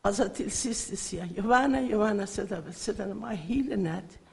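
A middle-aged woman from Iran, giving an emotional church faith testimony in halting phrasing. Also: mid-range voice, gravelly. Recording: echoey hall.

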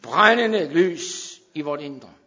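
A man's voice: fairly high pitch, expressive, highs cut off. Danish-speaking man preaching in a hall. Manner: swings between quiet talk and shouted preaching. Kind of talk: sermon.

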